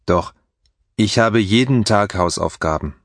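A man reading scripted textbook dialogue for a language course with slow, careful enunciation. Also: on the low side, no echo, clean studio sound.

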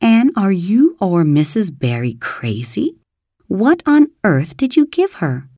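A woman's voice: medium pitch, sing-song, dark tone, dry recording, clean studio sound, pitched above the performer's own voice, full character voice. A woman doing a stern scolding older spinster. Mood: exasperated. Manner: brisk, scolding and exasperated.

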